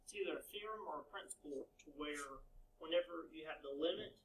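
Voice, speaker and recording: A man on a math team explains a problem to his coach in a casual, hesitant way, full of fillers. His voice is a little high and creaky, and he talks fast. The classroom recording is echoey and distant, with slight background noise.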